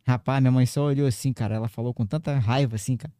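Fast-talking man. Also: mid-range voice, no room sound, studio quality. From Acre, Brazil. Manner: animated, frequent fillers like "cara" and "né". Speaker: podcast guest. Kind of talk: casual storytelling.

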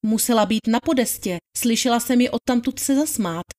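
In a natural, slightly high voice with a darkish tone, a woman reads the role of a deferential young housemaid testifying at a trial. Her answers are plain and polite, as in a dramatized reading of courtroom testimony.

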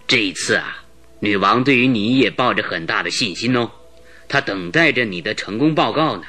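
An actor playing Holmes's elder brother, an intelligence chief, speaking in an earnest, pleading way in a radio drama with music under it. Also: male voice, lowish voice, animated, moderate pace, bright, forceful tone. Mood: reassuring. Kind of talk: 1960s radio drama acting. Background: music bed.

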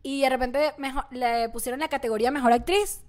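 A woman co-hosting a casual chat, telling animated stories full of slang and English words. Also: sits high, a little fast. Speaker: podcast co-host.

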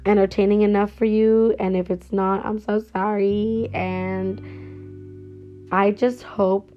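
This podcast host, a woman in her twenties, speaks slowly in a level, mid-range voice while casually starting her solo show. She's upbeat and talkative, drifting along with fillers. The recording is lo-fi and a little dull, with faint guitar in the background.

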